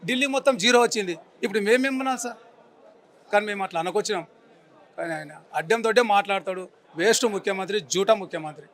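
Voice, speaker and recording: Angry telangana guy in his 40s, high voice, rattling off complaints super fast. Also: a bit bright. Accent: Telangana Telugu. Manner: angry, emphatic ranting with repeated insults. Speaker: member of the public interviewed. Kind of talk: street interview.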